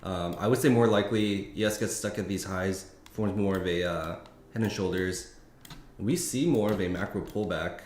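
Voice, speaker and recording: A low-voiced man at a moderate pace thinks aloud over charts, giving rambling live-stream commentary as a futures trading streamer, full of fillers and restarts. The recording has an echoey room sound and faint noise.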